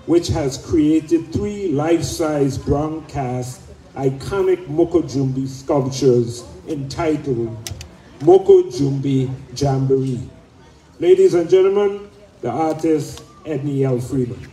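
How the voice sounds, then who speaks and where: A man acting as master of ceremonies, formally introducing an artist to the crowd in a measured, announcing way. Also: mid-range voice, warm tone. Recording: roomy, distant mic.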